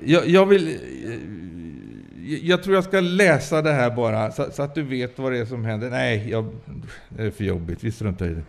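A man delivers a sermon and shares his personal testimony, bursting into hallelujahs. His delivery is halting, full of fillers and restarts. His mid-range, gravelly voice swings widely in pitch.

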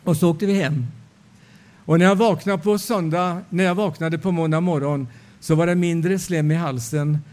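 A man's voice: a little high, fairly even intonation, a little mellow. A male preacher giving a sermon testimony, telling the story and acting out the dialogue.

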